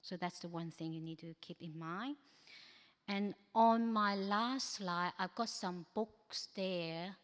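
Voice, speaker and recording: Speaking slowly in a lowish voice, a woman for whom English is a second language offers practical advice through a slide presentation at a church ministry training, with frequent hesitations. The recording comes from an echoey hall with long reverb.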